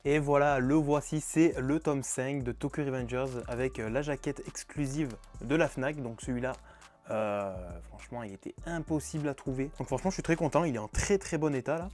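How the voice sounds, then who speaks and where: A man's voice: mid-range voice, moderate pace, a little mellow, soft background music. A young man chatting casually as a vlog host, eagerly showing off his manga purchases with lots of fillers. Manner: enthusiastic, chatty, many fillers. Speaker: manga collecting YouTuber.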